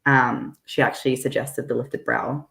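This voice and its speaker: Gravelly young woman host, roomy sound. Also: rumbling low, fairly even intonation, normal speed, fairly bright tone. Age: young adult. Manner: friendly, affirming, lots of "mm-hmm". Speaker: interview host. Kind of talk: conversational panel interview.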